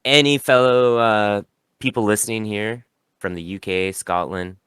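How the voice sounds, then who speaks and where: Deep-voiced man in casual podcast chat. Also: steady tone, measured pace, a bit bright, clean tone, no echo. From of Irish descent, raised partly in Ireland. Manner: chatty, storytelling, laughs often. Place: at home, child nearby. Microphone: headset.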